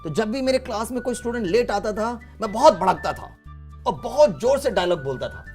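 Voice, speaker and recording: A man's voice: sits high, fairly quick, soft background music. Man teacher telling kids stories, voice swinging all over, chuckles a lot. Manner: lively, acts out his own lines with big shifts in tone; chuckles often. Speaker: teacher and guest speaker for children. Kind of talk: storytelling talk to children.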